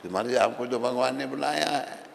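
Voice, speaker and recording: A man's voice: medium pitch, brisk, creaky. A man giving a devotional sermon, telling a story and acting out its dialogue in a raised voice. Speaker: swami giving a devotional lecture. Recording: long hall reverb with faint background noise.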